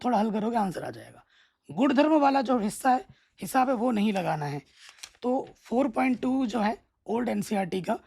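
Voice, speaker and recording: Gravelly, husky-voiced male maths teacher. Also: high voice, a little mellow. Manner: instructive, keeps checking in with students. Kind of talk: exam syllabus walkthrough lesson.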